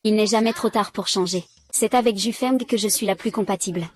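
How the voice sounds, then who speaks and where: A woman's voice: mid-range voice, fairly quick, darkish tone, natural voice. A woman dubbing a scheming young ex-lover in a TV drama, speaking in a cold, calculating way. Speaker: dub actor. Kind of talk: dubbed TV drama.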